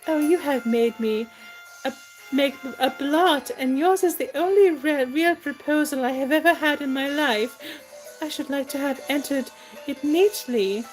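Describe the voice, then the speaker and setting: A woman's voice: sits high, a little slow, soft background music, voice pushed up, low-quality recording. A woman playing a self-assured, whimsical young lady in a comic stage play, prim, chiding and matter-of-fact. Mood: flustered.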